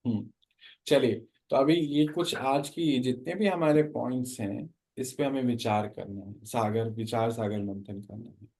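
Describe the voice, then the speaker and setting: A man's voice: medium pitch, unhurried, darkish tone. A man teaching a spiritual class, explaining and often asking his listeners questions.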